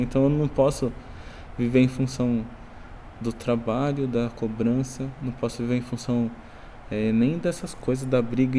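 Man with a soft, mellow voice telling a reflective testimony. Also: medium pitch, slight background noise. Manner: reflective, repeats himself, many "né?" tags. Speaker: believer sharing a personal testimony. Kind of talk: emotional personal testimony.

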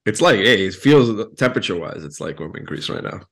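A man's voice: fairly low pitch, a little fast, vocal fry. A man hosting a podcast, chatting casually and friendly with his guest. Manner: relaxed, friendly, reads scripted intro and ad. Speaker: podcast host. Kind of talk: casual interview chat.

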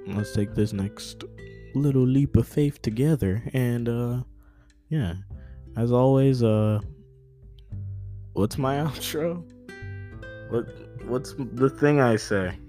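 Rambling and joking through an unscripted update, a young podcast host keeps tripping over his words. He talks at a fairly low pitch with a dark tone.

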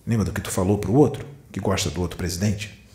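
A man's voice: low-pitched, quick pace, warm tone. A man giving a channeled spiritual sermon, admonishing his listeners with rhetorical questions. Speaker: spiritual medium. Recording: echoey room.

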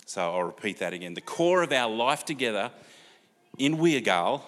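An older Australian preacher gives a sermon in a relaxed, conversational way, using many fillers. His pitch is medium and his speed normal, and the church hall adds long reverb.

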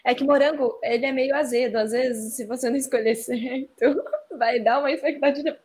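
Woman with a slightly high, husky voice, warm-hearted reassuring podcast chatter. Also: brisk. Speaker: podcast co-host. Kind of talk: casual podcast chat.

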